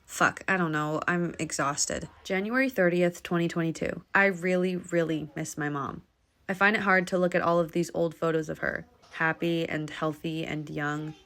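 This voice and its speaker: A woman with a slightly low voice reads from her own diary, one dated entry after another. Her delivery is quiet, subdued and confessional, and it stays close and intimate throughout. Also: fairly even intonation, normal speed. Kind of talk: reading personal journal entries aloud.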